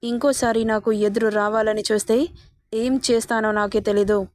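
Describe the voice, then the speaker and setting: A woman's voice: a little high, level tone, normal speed, darkish tone, no room sound, natural voice. A woman voicing a harsh, short-tempered young man who talks curtly and threateningly. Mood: angry. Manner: curt, threatening.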